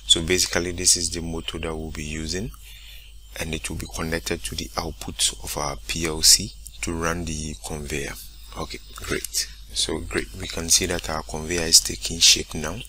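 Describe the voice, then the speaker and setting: A man walking through a software tutorial step by step, often saying "okay, great" between steps. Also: rumbling low, moderate pace, a little hiss or hum. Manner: steady step-by-step explaining, repeats "okay, great". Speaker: instructor. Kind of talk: screen-recorded software tutorial.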